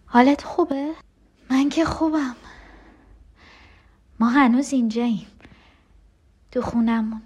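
Actress doing a scared unborn twin girl in an audio play, urgent and clingy, kinda high voice. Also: pauses often, a little mellow, breathy edge. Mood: anxious. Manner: urgent, breathless pleading with sudden cries. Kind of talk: radio drama acting.

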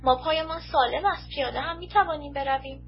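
A woman's voice: sits high, a little hiss or hum. A woman reading a storybook, voicing a kind-hearted traveler in a tender, pleading way. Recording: muffled lo-fi recording.

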